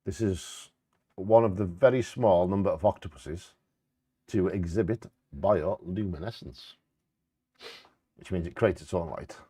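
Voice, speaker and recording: A man's voice: low voice, unhurried, long pauses, mellow, slightly rough, dry recording, clean studio sound. A man co-hosting, reading out facts informally and stumbling over scientific words.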